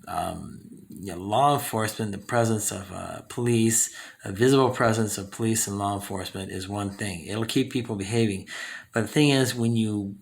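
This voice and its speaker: A man's voice: lowish voice, creaky. A man in his fifties from Southern California, hosting his own channel in a rambling monologue full of fillers and restarts. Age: 50s. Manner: rambling, with many fillers and self-corrections. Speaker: channel host. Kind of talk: casual talking-head monologue.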